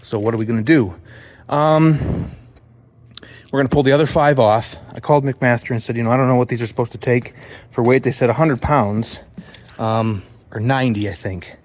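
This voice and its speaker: A man talking through a theater set build in a loose, rambling vlog manner. His voice sits at an ordinary middle pitch. He chats casually and explains each step as he goes. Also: normal speed, a little mellow. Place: theater stage and workshop.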